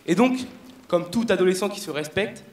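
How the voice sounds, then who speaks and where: Casting: brash young male stand-up comic, high voice, roomy stage sound. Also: normal speed. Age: young adult. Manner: brash, slangy, crowd-addressing. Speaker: stand-up comedian. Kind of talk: stand-up comedy routine. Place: stage before a live audience.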